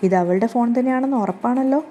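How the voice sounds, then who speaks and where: A woman reads a haughty middle-aged lady of the house, scheming and scolding her maid sharply. The lines come quick and mellow, with faint hiss behind. It stays near the reader's own voice. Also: fairly high pitch, lightly acted.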